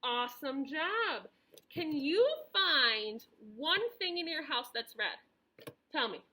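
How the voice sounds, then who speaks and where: High, bright woman teaching toddlers, very animated. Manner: encouraging, simple phrases with pauses for replies. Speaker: preschool teacher. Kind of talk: lesson for young children, speaking as if reading to a toddler.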